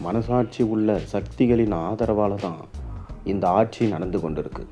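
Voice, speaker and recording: A man reading the news, relaying a political speech in a steady, even voice. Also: fairly low pitch, moderate pace. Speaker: news reader. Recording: dull lo-fi audio with faint music.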